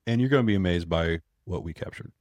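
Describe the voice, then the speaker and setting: Deep-voiced man telling a story. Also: no echo. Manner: steady, measured recounting. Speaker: podcast co-host, paranormal investigator. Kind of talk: storytelling podcast chat.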